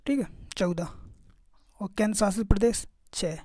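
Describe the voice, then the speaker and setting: In a casual exam-prep session, a man with a high-pitched but dark, mellow voice speaks at normal speed. He checks in often using "okay" and "remember this", quizzing his listeners as he goes. The sound is close and dry, no room around it.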